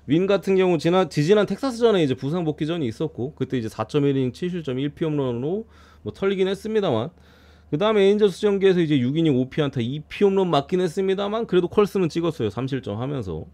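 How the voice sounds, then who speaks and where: A man giving a casual streamed preview of baseball games, blunt and quick to swear and grumble. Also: fairly high pitch, expressive, mellow. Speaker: baseball betting analyst streamer.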